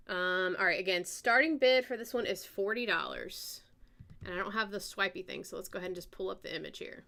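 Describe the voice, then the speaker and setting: A woman with a Southern American accent hosts a live-stream auction in a relaxed, chatty way. Her voice has a bright, forward edge, and her pitch sits in the middle range for a woman. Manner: chatty, unhurried, reads out bids and details.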